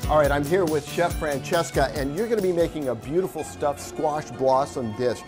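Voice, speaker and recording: A man's voice: on the high side, normal speed. A middle-aged man hosting a TV cooking segment in a restaurant kitchen, chatty and joking. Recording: background music under the talk.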